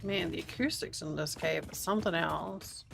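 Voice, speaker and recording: A woman's voice: fairly low pitch, normal speed, vocal fry, a bit bright. A woman playing a co-op game, muttering to herself, her voice carrying a cave echo. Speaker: co-op game player. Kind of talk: casual gaming chat.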